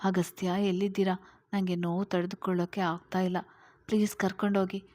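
A woman's voice: mid-range voice, little pitch movement, fairly quick, darkish tone, no room sound, close to an everyday voice. A woman reading as an injured young woman pleading. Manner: pleading, weak.

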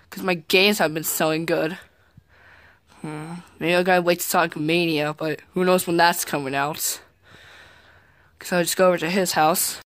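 A woman's voice: fairly low pitch, fairly bright tone, no room sound, studio quality, natural voice. A woman voicing a cocky, sarcastic young male hedgehog in an amateur parody, talking in an exasperated way.

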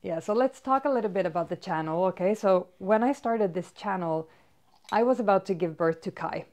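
This is a woman in her thirties from Sweden, a fitness vlogger whose Swedish accent comes through as she chats fairly quickly in a mid-range, darkish voice. Upbeat and casual, with plenty of fillers, she addresses a camera placed far away in a toy-strewn bedroom.

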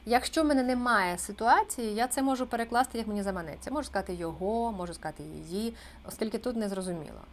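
A woman teaching a beginners' language lesson on video, explaining patiently and slowing down to repeat example phrases. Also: medium pitch. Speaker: Spanish teacher.

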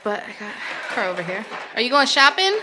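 A mom vlogger in her thirties chats casually to her phone's selfie camera held at arm's length in her tiled living room, rambling with plenty of "um"s and "like"s. Her voice is fairly high, very animated and a little fast, with noise in the background.

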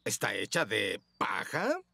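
A man voicing a sly, gruff cartoon wolf with a gravelly, playfully menacing delivery. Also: fairly low pitch, huge pitch swings, takes it slowly, pushed and bright, dry recording, heavily acted.

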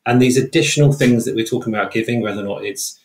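In an interview with roomy acoustics, a British man who researches trauma explains his findings. His medium-pitched voice stays measured and technical throughout.

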